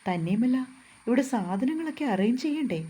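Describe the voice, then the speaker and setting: A woman voicing a kindly older mother in a storybook reading, speaking with gentle, motherly reassurance. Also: on the high side, expressive, a little fast, breathy edge. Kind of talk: storybook narration.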